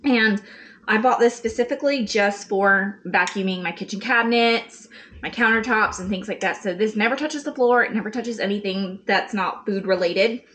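A woman, a vlogger and mother, chats casually to the camera while cooking in her home kitchen, talking to kids and dogs between asides. Her mid-range voice has a fairly bright tone and a normal speed. Background music plays, and there's a little hiss or hum.

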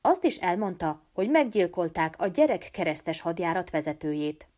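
A woman's voice: fairly low pitch, very animated, darkish tone. A woman voicing an easygoing young male student from Pisa, light, evasive and teasing. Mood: light, wry.

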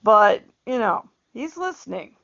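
A woman's voice: on the high side, big pitch swings, a little slow, creaky, a bit bright. A middle-aged woman chatting in a meandering way, repeating words and laughing often. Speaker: vlogger. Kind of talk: casual rambling monologue. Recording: dull lo-fi recording.

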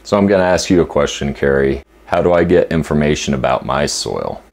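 A man in his fifties, co-hosting a homesteading channel, explains a topic to the camera in his kitchen in a steady, instructive way. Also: rumbling low, brisk, creaky. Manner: steady, instructive, listing points. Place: home kitchen indoors.

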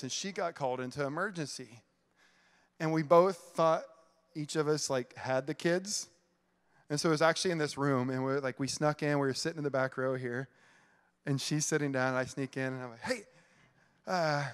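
A middle-aged man giving an energetic, chatty youth sermon full of "like", in a church hall. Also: fairly high pitch, a little fast, smooth. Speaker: youth pastor. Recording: long hall reverb.

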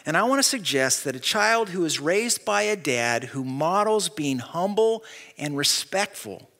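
An older man delivers a sermon with a bright, forceful edge and a lively, swinging pitch. His preaching is conversational, full of direct asides to the congregation. A long hall reverb trails behind him. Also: unhurried. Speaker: pastor.

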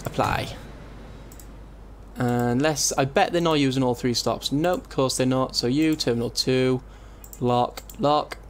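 Man, let's play host, unhurried delivery, thinking aloud, self-interrupting, mid-pitched, compressed mic with keyboard noise. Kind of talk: casual gameplay commentary. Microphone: compressed desktop microphone, voice-over. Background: keyboard typing and background noise.

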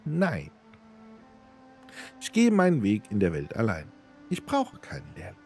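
Man doing Namira, a croaking goddess of decay. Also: huge pitch swings, a little slow, a little mellow, soft background music. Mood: dismissive. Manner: high put-on woman's voice, solemn and aloof. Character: female goddess of decay in a beggar's rags.

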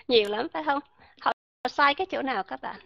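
Female classroom teacher who quizzes students and refers to herself by name; slightly high voice; muffled, dry recording. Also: normal speed, gravelly, sharp tone, no room sound. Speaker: English pronunciation teacher. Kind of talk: classroom lecture.

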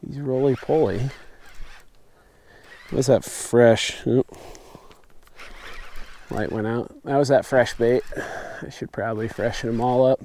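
A young man vlogging while fishing from a river sandbar at night, talking to himself in a relaxed, wry way, recorded outdoors on a camera mic. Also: mid-range voice, slow, long pauses, slight background noise. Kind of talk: casual outdoor vlog narration. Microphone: camera-mounted mic, sometimes off-axis.

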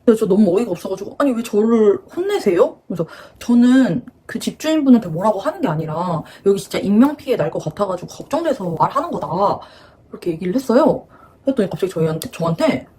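Young woman, twenties, animated pitch, mellow voice, faint background noise, casual vlog. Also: quick pace. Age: 20s. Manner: chatty, animated storytelling. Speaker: beauty vlogger.

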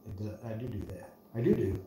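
A man's voice: fairly low pitch, fast, dark tone, roomy sound, a little hiss or hum, low-quality recording. A man with a northeast Ohio accent hosting a casual livestream, joking around and reading viewer comments aloud in a folksy way. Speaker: livestream host.

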